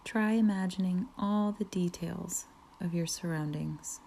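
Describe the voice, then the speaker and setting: A woman leading a guided relaxation meditation, speaking softly with frequent whispered phrases and long pauses. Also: fairly low pitch, creaky, slight background noise. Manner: slow, soft, partly whispered, soothing pauses.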